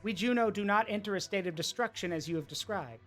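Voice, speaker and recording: A player reading a calm, menacing evil AI in a video game, cold, measured and formal. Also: medium pitch, faint music behind, close to an everyday voice. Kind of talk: reading game dialogue aloud.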